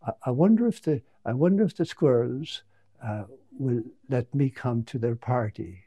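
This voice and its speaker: A man's voice: mid-range voice, normal speed, warm tone, close to an everyday voice. A man doing a timid, stammering bunny. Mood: timid hopeful. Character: shy lonely young male bunny.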